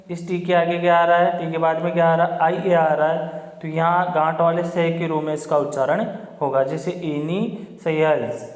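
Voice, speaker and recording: A man's voice: on the high side, a little mellow. A man teaching English phonics to children, spelling words out letter by letter and asking and answering his own questions. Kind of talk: spoken lesson on English phonics. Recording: roomy echo with long reverb.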